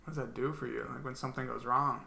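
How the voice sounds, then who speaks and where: A man's voice: mid-range voice, steady tone, quick pace, gravelly, echoey room, crowd noise. A man co-hosting a podcast in casual chat, laid-back and agreeable, swearing freely. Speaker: podcast co-host.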